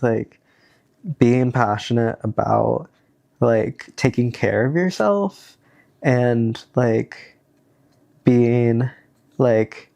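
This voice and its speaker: Here a young vlogger's voice is mid-range, creaky, and a bit dark, thick and nasal because he has a cold. Casually chatting, he works through a self-help worksheet out loud, wandering off, hesitating, and filling gaps with ums.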